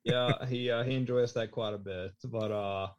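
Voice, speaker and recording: A man in his thirties from Norway, a podcast guest chatting casually, talking in halting phrases with many fillers. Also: mid-range voice, steady tone, clean tone. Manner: halting, lots of fillers and restarts. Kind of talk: casual chat. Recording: slightly dull lo-fi sound.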